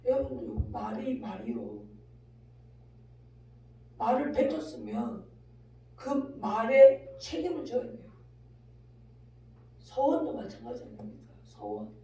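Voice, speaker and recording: A woman preacher giving a fiery sermon. She swings between shouting and hushed asides, firing rhetorical questions at the congregation. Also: on the high side, wildly swooping pitch, takes it slowly, vocal fry, long pauses. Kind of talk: fiery Korean revival sermon. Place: large echoing prayer-house hall. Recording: very echoey hall, voice far from mic, faint hum.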